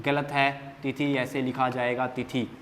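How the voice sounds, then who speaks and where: A man's voice: medium pitch, little pitch movement, unhurried, a bit bright, a little hiss or hum. A man teaching Hindi grammar at a board, asking questions and answering them himself, repeating key words with emphasis, in an echoey classroom.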